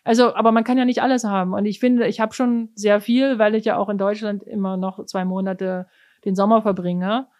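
Speaking briskly in a mid-range, darkish voice with fairly even intonation, this East German cellist in middle age gives a relaxed conversational interview. She is thoughtful but full of fillers and restarts.

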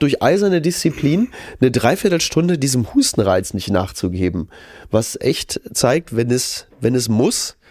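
A man's voice: mid-range voice, a little mellow, dry recording, studio quality. A man who is sick with a cough, co-hosting a podcast from his living room, chatting casually and rambling with restarts in a self-deprecating way. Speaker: podcast co-host. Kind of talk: casual chat.

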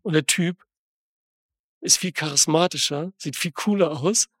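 A man's voice: a little high, measured pace, fairly bright tone, breathy edge, no room sound, studio quality. A man ranting in a casual podcast chat about a film, rambling and slangy with lots of fillers. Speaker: podcast co-host reviewing a film.

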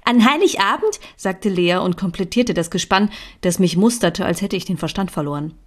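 Woman narrator, lower voice, even storytelling, scripted read. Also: moderate pace. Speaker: author reading her own story.

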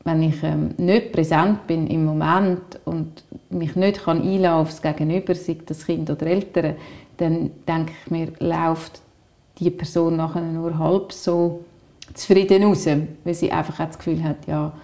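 A woman with a Swiss German accent talks reflectively as a podcast co-host. Her voice sits low and sounds warm and relaxed. She often stumbles over repeated words as she gathers her thoughts. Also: moderate pace, gravelly. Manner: thoughtful, repeats words while searching for them. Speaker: podcast co-host, school counselor. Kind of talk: reflective casual chat.

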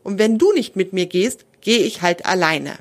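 A woman's voice: medium pitch, animated, normal speed, lightly acted. A woman reading the part of a greedy, sulky male talking magic pony in a children's story, with a reproachful, wheedling manner.

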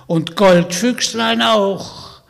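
A man voicing a cackling, fawning old witch in a fairy tale, with a croaking voice. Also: high-pitched, extremely slow, a bit bright, pitched above the performer's own voice, exaggerated voice. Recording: long hall reverb.

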